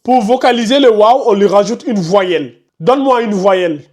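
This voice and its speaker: A man teaches a recitation class in a high voice for a man. He keeps pressing his point and goes over each step again and again. He scolds the students who lose track. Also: moderate pace, a little mellow. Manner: insistent, repeats explanations step by step, scolds students. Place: classroom with a board.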